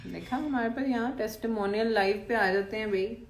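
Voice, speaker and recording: A woman from Lahore hosting a casual live stream as a business team manager, expressive and playfully scolding, slipping into English. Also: fairly high pitch, a little fast, echoey room. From Pakistan, Lahore. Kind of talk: casual live-stream talk, reading comments.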